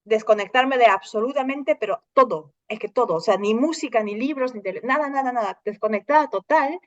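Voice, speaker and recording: A woman hosting a casual conversation, telling stories in an animated way and acting out the lines of others. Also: fairly high pitch, a little fast, no room sound, muffled recording. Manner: animated storytelling, acting out dialogue. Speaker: host.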